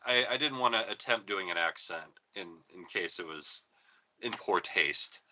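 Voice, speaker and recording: A man hosting a casual podcast chat, telling a rambling, profane story, with a thin, tinny sound that has no bass, like a speakerphone across the room. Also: expressive, normal speed, bright, forceful tone. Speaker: podcast host.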